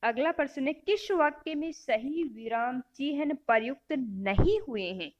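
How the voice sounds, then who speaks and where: Lady teacher reading out quiz options then explaining the answer, talks slow. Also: sits high, animated, lo-fi sound. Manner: self-correcting. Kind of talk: exam-prep grammar lesson.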